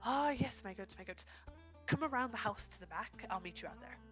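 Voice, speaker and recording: A woman's voice: on the high side, expressive, a bit bright, faint music behind. A woman voicing a frazzled, scruffy gnome woman farmer who talks in a flustered hurry during a tabletop game. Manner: flustered, hurried speech.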